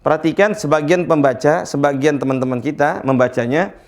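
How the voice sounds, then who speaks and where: A man teaching Quran recitation in a slow lesson, patiently repeating letters and checking that his students follow. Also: on the high side. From Indonesia.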